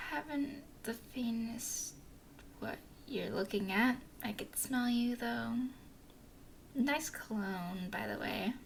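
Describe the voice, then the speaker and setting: Voicing a flirty female werewolf explorer for ASMR roleplay, a woman teases in a soft whisper with a playful drawl. The voice is a little high and gravelly, and there's a little hiss or hum.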